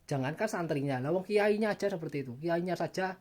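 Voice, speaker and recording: A man's voice: on the high side, fast talker, a little mellow. Male channel host, casual opinion monologue; emphatic, repetitive, wry and mocking. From Java, Indonesia. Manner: emphatic, repeats himself, mocking asides.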